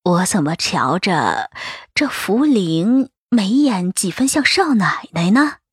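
Lady doing an old maidservant, slow and confiding, a bit husky. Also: mid-range voice, big pitch swings, no room sound, clean studio sound, full character voice. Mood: musing. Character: observant older household maidservant, woman. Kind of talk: audiobook character voicing.

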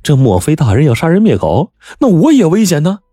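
A man voicing a timid, frightened male clerk who stammers in a high, shaky voice. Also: wildly swooping pitch, quick pace, warm tone, no echo, studio quality.

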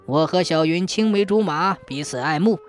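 Upright young peasant man for a storybook, earnest and plain, pitched low, played by a woman. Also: normal speed, soft background music, close to an everyday voice. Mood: sad. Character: young honest poor male tofu seller.

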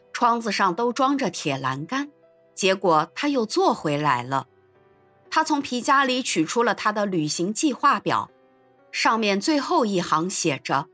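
A woman narrating an episode of a classic adventure novel in an expressive storytelling manner. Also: mid-range voice. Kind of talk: scripted narration.

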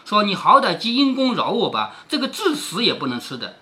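A man's voice: sits high, huge pitch swings, a little fast, pushed and bright. A man reading a classic novel aloud to his daughter, stopping often to explain it in chatty asides with rhetorical questions.

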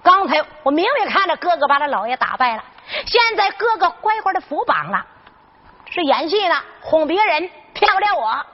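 High, lively woman storyteller. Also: normal speed. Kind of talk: Henan zhuizi narration. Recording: dull lo-fi recording.

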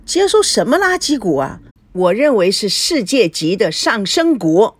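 A woman voicing an indignant young woman who answers back with a sharp, mocking tongue. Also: mid-range voice, sing-song, unhurried, breathy edge.

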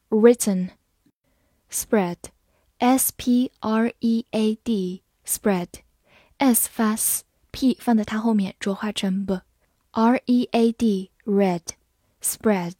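A woman gives a scripted vocabulary lesson at an unhurried pace, with her pitch sitting in the middle range. She spells words out letter by letter and reads examples slowly. The recording is dry and close, with no room sound. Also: darkish tone, no room sound. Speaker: English vocabulary teacher.

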